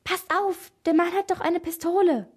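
A nervous, excitable young girl who talks breathlessly, read by a woman storyteller. She sounds high and anxious in a children's mystery story. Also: moderate pace.

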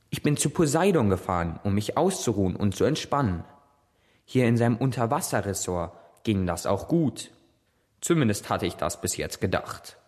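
A man reading a dramatic story in the first person, with an expressive, theatrical manner. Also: fairly low pitch, in a large hall. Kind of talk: scripted dramatic narration.

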